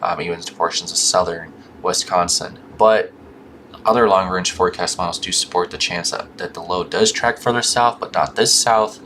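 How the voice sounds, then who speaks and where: A man's voice: sits low, normal speed, pushed and bright, slight background noise. A man giving an informal weather forecast commentary, tripping over words, his speech hampered by a swollen mouth and gums. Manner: stumbles on longer words and restarts them.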